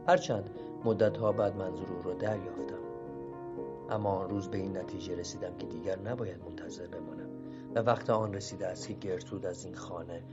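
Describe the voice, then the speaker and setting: A man reading a literary novel aloud as an audiobook narrator, in a measured, steady storytelling manner. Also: low voice. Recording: dull lo-fi recording with music beneath. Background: music.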